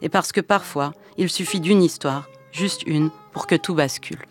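A woman's voice: deep voice, normal speed, over loud music. A woman from Iran, a comic author being interviewed, answering with many hesitations and fillers. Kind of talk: interview answers, reading aloud.

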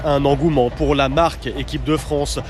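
A man reporting from the field for radio news, in a crisp narrated delivery. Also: medium pitch, fairly even intonation, normal speed, noisy background.

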